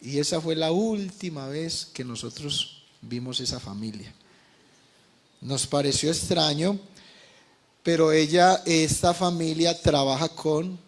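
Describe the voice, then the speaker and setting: A Colombian man preaching as a pastor, telling a testimony with passion, moving between quiet and loud. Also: on the high side. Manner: impassioned, swings from quiet to loud. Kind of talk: sermon testimony.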